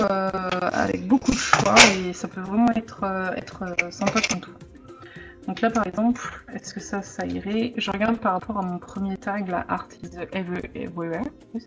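A woman with a mid-pitched voice explains her card-making as she goes, often pausing to think it over. Now and then she drops to a hushed aside. Clear music plays underneath her voice. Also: steady tone. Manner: thinking aloud, many hesitations. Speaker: crafting vlogger. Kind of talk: casual crafting tutorial. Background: background music.

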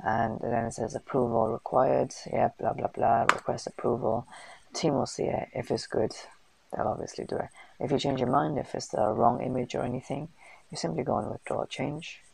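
A man's voice: mid-range voice, normal speed, gravelly, a little mellow, a little hiss or hum, rough recording. A man hosting a casual screen-recorded tutorial, chatty and full of fillers and slang. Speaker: host of a food business channel.

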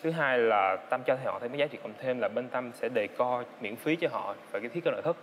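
Fast-talking young male startup founder. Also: medium pitch, lively intonation, a bit bright, long reverb tail, a little hiss or hum. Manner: quick, earnest business explanation. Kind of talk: pitching his business on TV. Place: TV studio.

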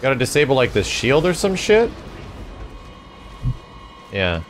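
A man hosting a gaming channel, bantering and swearing excitedly while playing co-op and thanking viewers. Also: medium pitch, unhurried. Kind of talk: co-op gameplay commentary. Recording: voice over loud game music. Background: game music.

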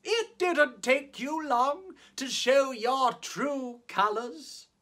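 A man voicing an amused, fond old elephant in a children's storybook, exclaiming in drawn-out phrases. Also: very high voice, sharp tone, pitched above the performer's own voice, exaggerated voice. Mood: amused, gasping.

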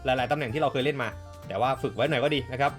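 A man giving casual, excitable gameplay commentary, swearing freely and calling plays like a sports caster. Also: medium pitch, rapid-fire, soft background music. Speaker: gaming YouTuber.

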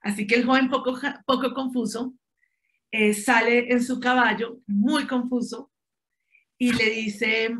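A woman with a slightly raised voice tells a parable to listeners. She acts out each character's lines, and her phrasing is loose, with pauses and restarts. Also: a little high, steady tone, fairly bright tone. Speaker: speaker telling a parable. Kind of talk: storytelling to an audience.

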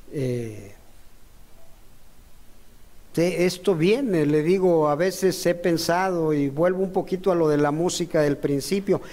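A man's voice: high voice, a little mellow. A man preaching a rambling, conversational sermon full of fillers and asides.

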